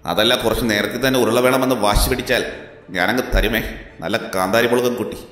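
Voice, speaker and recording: A man's voice: medium pitch, fast, fairly bright tone, close to an everyday voice. A man voicing a cool, defiant young man who answers with sarcastic, cutting retorts, recorded in an echoey room. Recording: echoey room with long reverb.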